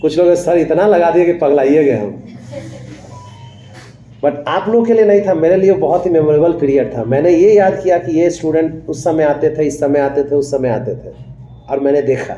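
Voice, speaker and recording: Male teacher, slightly high voice, repeats phrases as he lectures and tells stories to students, roomy recording. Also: a little fast, dark tone, lo-fi sound, slight background noise. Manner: mixes Hindi with English phrases, repeats phrases; tells anecdotes, addresses students directly. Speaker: English teacher. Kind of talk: classroom lecture.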